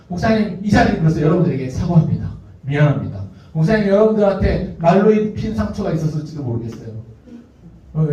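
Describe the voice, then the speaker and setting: A man preaching to teenagers in a church hall, his voice high and swinging widely as he acts out the scolding voices of others. He is caught from afar, with heavy reverb and a dull, muffled sound. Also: recorded from a distance. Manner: lively, acts out nagging and taunting voices. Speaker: pastor. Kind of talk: youth sermon.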